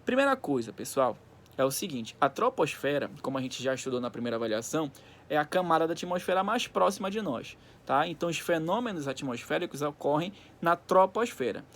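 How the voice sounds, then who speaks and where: A man's voice: fairly high pitch, very animated, a little fast, a bit bright. A man teaches a recorded school lesson. He dictates in short segments as if students are following along in the textbook, explaining didactically and often adding little tags to check they are with him. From Brazil.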